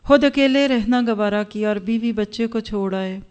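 A woman's voice: a little high, moderate pace, darkish tone, clean tone, dull audio. A woman from Pakistan, giving an earnest religious lesson to a class of women and questioning them directly. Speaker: religious teacher.

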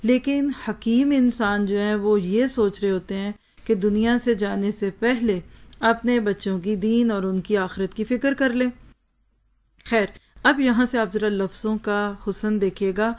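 A woman teaching a religious lesson, explaining word meanings in a measured way and slowing down on key terms. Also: medium pitch, steady tone, darkish tone. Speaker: Quran teacher. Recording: slightly dull lo-fi recording.

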